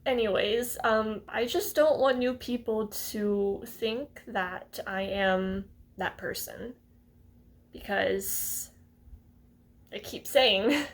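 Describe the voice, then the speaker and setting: A woman's voice: mid-range voice, takes it slowly. A woman in her twenties talking casually to her viewers, hesitant and rambling, often breaking into small laughs. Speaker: vlogger. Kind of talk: casual talk to camera.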